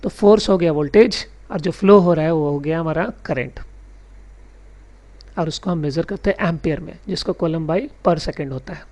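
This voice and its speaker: A man teaching a recorded electronics lesson, explaining step by step and reading out English definitions slowly. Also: fairly high pitch, darkish tone. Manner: mixes English technical terms into his speech. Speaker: electronics tutor.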